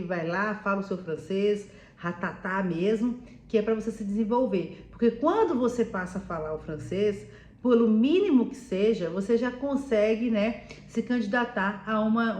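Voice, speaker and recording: A woman's voice: mid-range voice, moderate pace, darkish tone. A woman giving casual, chatty advice to viewers, often adding "né?" and calling the listener "meu amor". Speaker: vlogger living abroad. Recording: echoey room.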